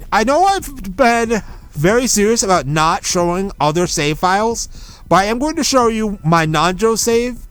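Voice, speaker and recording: High-voiced let's play host. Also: male voice. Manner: chatty, gives strategy tips, self-correcting. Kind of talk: casual game commentary.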